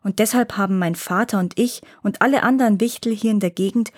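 A woman voicing a grumpy, stern father gnome who warns in a slow, grumbling way while reading a fairy tale. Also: medium pitch, darkish tone, lightly acted. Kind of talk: storybook reading.

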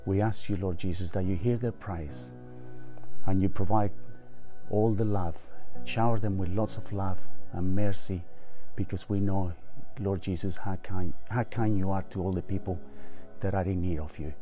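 Deep-voiced man, gentle and heartfelt. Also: fairly even intonation, normal speed. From El Salvador. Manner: gentle, heartfelt, with hesitant ums. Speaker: guest. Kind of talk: testimony and spoken prayer. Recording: soft music underneath.

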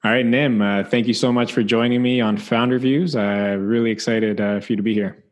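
A man's voice: mid-range voice, steady tone, brisk, in a large hall, faint music behind. A man hosting a podcast interview, talking casually and upbeat with lots of fillers. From Canada. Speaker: podcast host.

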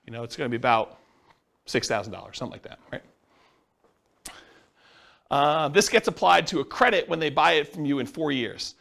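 A man's voice: fairly high pitch, expressive, brisk, gravelly, pauses often, a bit bright. A man teaching a class, explaining step by step and asking the class questions. He says he is losing his voice. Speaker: real estate instructor.

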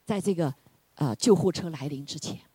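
A woman preaching a sermon, asking the congregation questions and rising to loud exclamations before dropping low again. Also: moderate pace, slightly rough, dry recording. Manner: swells to loud exclamations of hallelujah, then drops low.

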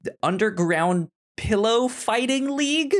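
A man hosts a podcast in a casual conversation, frequently stammering and repeating syllables and words. His voice is high and expressive, and he takes an unhurried pace.

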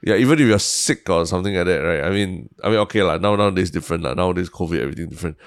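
Man, low creaky voice, Singaporean accent, Singlish, casual podcast chat, halting and repetitive. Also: no echo, clean studio sound. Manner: colloquial Singlish with local particles; halting, repeats words as he thinks. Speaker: podcast co-host.

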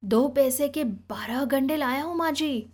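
A nervous young servant boy, voiced by a woman reading a novel aloud, speaks in a hushed, anxious way. His voice sits noticeably high, and he sounds eager to please. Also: a little slow.

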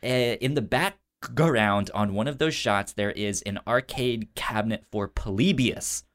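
This podcast co-host, a man, chats casually about films in an informal, halting way, often stuttering on repeated sounds and syllables. His pitch is on the low side.

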